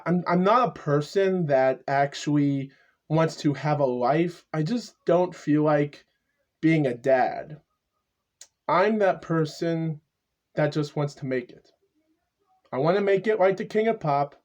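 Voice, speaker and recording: A man in his twenties talking to the camera in a casual vlog monologue, halting and repetitive, stuttering often. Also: a little high, a little mellow. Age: 20s. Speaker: YouTuber. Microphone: camera mic.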